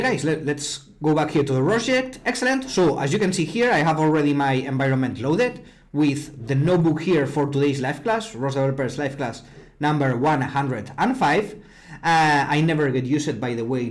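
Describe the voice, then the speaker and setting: A man from Spain with a Spanish accent, teaching a live online programming class in a chatty way, often repeating words and answering viewers' chat. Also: fairly high pitch. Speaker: online robotics instructor. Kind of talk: live-streamed coding class.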